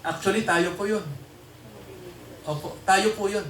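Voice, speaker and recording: High, bright-voiced preacher in an echoey hall. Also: male voice, steady tone, measured pace, recorded from a distance, slight background noise. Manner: quizzes the congregation with repeated tag questions. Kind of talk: sermon and prayer. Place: church hall before a congregation. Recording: echoey room, voice from off-mic, faint ambience.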